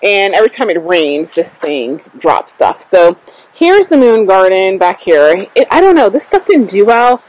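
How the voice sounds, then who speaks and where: A woman's voice: medium pitch, sing-song, measured pace, a little mellow, no room sound, rough recording. A woman giving a casual walking tour of her backyard garden outdoors on a clip-on mic, thinking aloud with fillers and self-corrections. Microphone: clip-on microphone.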